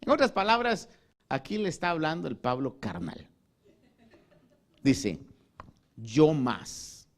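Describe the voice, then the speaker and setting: A male pastor preaching in a high voice that leaps up and down. He slows his delivery to stress key words and often turns to his listeners as "hermano.". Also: huge pitch swings. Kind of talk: sermon.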